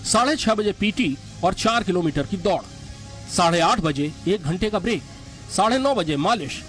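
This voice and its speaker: A man narrates a documentary from a script. His voice sits somewhat high for a man, with soft music playing behind him. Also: lively intonation, moderate pace.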